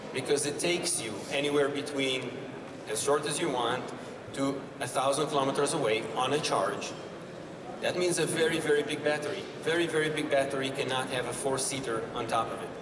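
A man in his thirties giving a conversational conference talk on a stage, with wry asides. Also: medium pitch. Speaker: company founder presenting. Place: exhibition hall stage. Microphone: handheld mic, far camera. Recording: roomy hall from far off, noisy.

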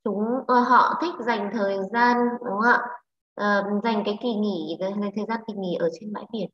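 A woman English teacher with a Vietnamese accent, leading a class online, brisk and prodding students with questions. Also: mid-range voice, steady tone. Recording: echoey, lo-fi online class audio.

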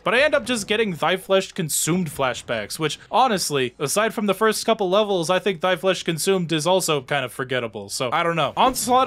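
A man's voice: sits high, a bit bright. A man narrating a scripted video game review voice-over, casual and wry with joking asides.

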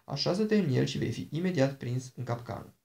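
A man's voice: mid-range voice, lively intonation, gravelly, a little mellow. A man voicing an ancient princess, a charming and dangerous woman who talks in a sweet, persuasive, coaxing way.

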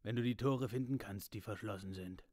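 A man doing an eager gruff dwarf. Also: fairly low pitch, fairly quick, dark tone, close to an everyday voice. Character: eager, sturdy male dwarf warrior.

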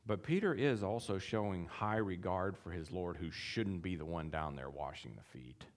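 A man preaching a sermon, acting out the quotes in his text with big jumps in voice and chuckling between points. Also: moderate pace. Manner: animated, acts out quotes with big pitch jumps. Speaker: pastor.

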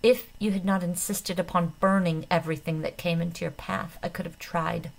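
A woman voicing a calm, formal female doctor who speaks quietly and precisely. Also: lowish voice, normal speed, gravelly. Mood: coolly formal.

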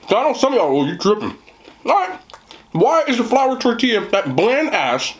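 A man's voice: very high voice, big pitch swings, moderate pace. A young man doing a mukbang eating chat, joking in slang and talking while he chews. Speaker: food reviewer.

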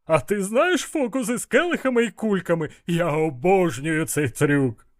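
A man's voice: on the high side, sing-song, slow, smooth, pitched above the performer's own voice. A man voicing a jovial, scheming older male gang boss who laughs a lot, in an audiobook. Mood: amused. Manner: boisterous, laughing.

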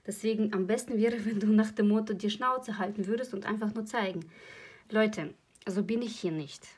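Brief: woman vlogger, husky voice, rambling emotional chat at home. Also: mid-range voice, a little mellow. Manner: chatty, rambling and emotional, laughs often. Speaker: crochet channel host. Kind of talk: casual vlog chat.

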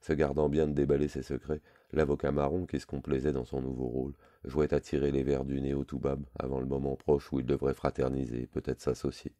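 A man reads a novel aloud in a measured, literary way. His voice is extremely low and dark. The sound is close and dry, with no room around it. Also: completely flat delivery, no room sound. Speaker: audiobook reader. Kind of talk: scripted narration.

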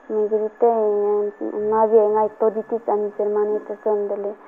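A woman from Peru giving documentary testimony, speaking haltingly with frequent restarts and trailing phrases. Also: medium pitch, slight background noise. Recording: tinny phone-like audio with faint music.

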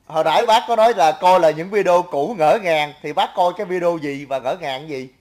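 A man's voice: on the high side, a little fast, darkish tone. A man interviewing an older guest, polite but cutting in to steer the questions. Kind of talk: casual interview.

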